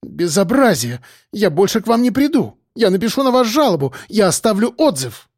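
A man reading an audiobook, voicing an indignant female patient who shouts out-of-turn complaints. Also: high voice, sing-song, moderate pace, dry recording, clean studio sound, voice pushed up. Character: shrill, indignant middle-aged female patient.

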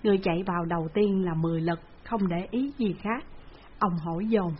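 A woman telling a ghost story in a dramatic, measured narration. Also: lowish voice, slight background noise. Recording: dull lo-fi recording.

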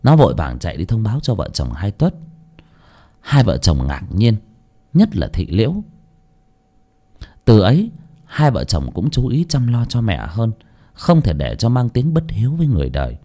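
A man narrating an audio storybook in an expressive, dramatic storytelling manner. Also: lowish voice, moderate pace, long pauses.

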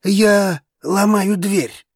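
A man's voice: high-pitched, big pitch swings, a little slow, darkish tone, breathy edge, dry recording, clean studio sound, pitched above the performer's own voice, heavily acted. A man playing a brooding dragon man, clipped and tense. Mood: restrained insistence.

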